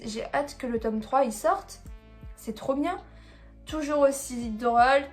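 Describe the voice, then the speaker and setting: Woman vlogger, fairly high voice, chatty and rambling, faint music behind. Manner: chatty, rambling, fillers like bref and voilà. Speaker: manga reviewer. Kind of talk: casual chat about a manga haul.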